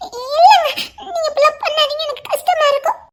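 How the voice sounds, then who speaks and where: A woman's voice: extremely high pitch, fast, a bit bright, slight background noise. A woman acting as a playful, giggly young wife bantering with her husband. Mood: touched. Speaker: actor in a romantic couple skit. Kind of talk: acted romantic dialogue.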